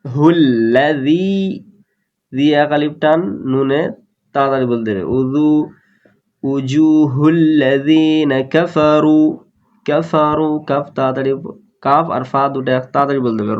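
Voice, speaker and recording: A man's voice: mid-range voice, fairly even intonation, fast talker. A man teaching recitation rules, breaking off his explanations to chant words drawn out as examples. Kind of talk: recitation lesson. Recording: dull lo-fi recording.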